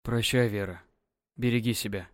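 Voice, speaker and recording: A woman voicing a brooding, heartbroken young village man who speaks in a hushed, grave and pleading way. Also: extremely low pitch, fairly even intonation, moderate pace, no echo, clean studio sound, voice pushed down. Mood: resigned.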